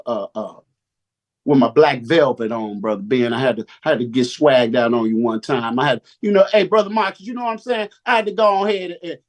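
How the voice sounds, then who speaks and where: Animated man preaching with street slang. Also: a little high. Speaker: speaker on a Zoom call. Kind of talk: preacher-style motivational talk.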